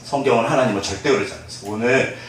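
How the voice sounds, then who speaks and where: A man's voice: medium pitch, very fast. A male pastor preaching a sermon, quizzing the congregation and having them repeat after him, often laughing. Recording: very echoey hall, mic at a distance.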